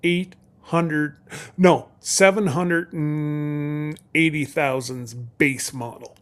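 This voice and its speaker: A man's voice: on the high side, steady tone, very slow, smooth. A middle-aged man chatting casually on a live stream as co-host, rambling and folksy with many restarts.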